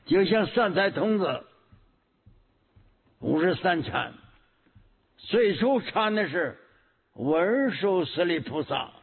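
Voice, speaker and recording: A Buddhist teacher preaches a sermon slowly and deliberately, humming between phrases and repeating his key words. His high, husky voice swings widely in pitch, heard through a thin, phone-like recording.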